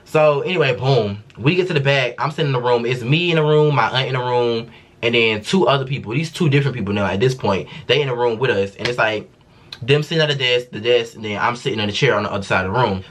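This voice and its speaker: A young man tells a storytime for his vlog. His talk is loose and casual, full of slang and swearing, at an ordinary pitch for a man. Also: a bit bright. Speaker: vlogger.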